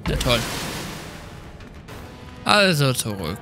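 A man's voice: mid-range voice, big pitch swings, very slow, sharp tone, faint music behind. A male streamer giving casual let's-play commentary, chatting away and tossing in English slang.

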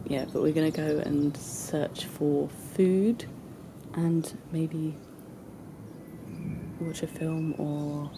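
A young woman chatting casually to a handheld camera for a vlog, low-key and hungover. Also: flat delivery, extremely slow, noisy background. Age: young adult. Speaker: vlogger. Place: outdoors in a garden and inside a house. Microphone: handheld camera at arm's length.

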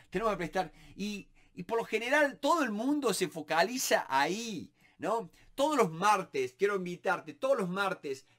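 A middle-aged man with a Rioplatense Spanish accent, teaching negotiation in a casual monologue, lively and repeating words as he thinks aloud. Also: sits high. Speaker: negotiation instructor.

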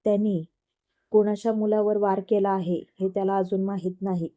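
A woman's voice: medium pitch, flat delivery, normal speed, dark tone, close to an everyday voice. A woman reading the lines of a stern, worried middle-aged father in a storybook tale. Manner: stern, scolding.

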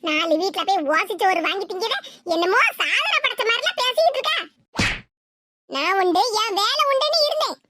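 A woman voicing a sharp-tongued, scolding village mother-in-law in a cartoon, with a Tirunelveli Tamil accent. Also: very animated, moderate pace, background noise. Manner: scolding, shrill and taunting. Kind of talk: cartoon voice acting.

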